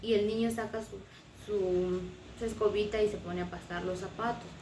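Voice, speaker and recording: A woman teacher retelling a story for children in simple, slow words with small restarts. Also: mid-range voice, steady tone, warm tone, slight background noise. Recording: roomy and distant.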